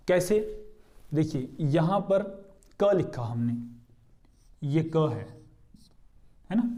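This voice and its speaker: A man teaching Hindi grammar who explains step by step, asks his own questions and answers them, and repeats key terms slowly. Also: high voice, dark tone. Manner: points to what he writes on a board. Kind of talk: explanatory lesson.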